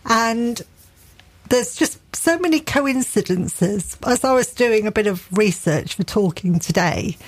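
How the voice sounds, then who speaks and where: Derbyshire lady chatting on a garden radio show, excited, lots of ums. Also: medium pitch, unhurried, slightly rough. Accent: English, Derbyshire. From England. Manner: chatty, enthusiastic, many fillers and restarts. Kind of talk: casual radio chat.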